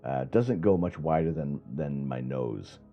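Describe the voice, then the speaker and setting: A man's voice: rumbling low, lively intonation, a little slow, gravelly, faint music behind. A man hosting a casual astronomy livestream, chatting in a rambling, stop-start way, his voice muffled as if heard through a wall. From Canada. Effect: muffled voice, as if heard through a wall, from a toy head mask worn over his head.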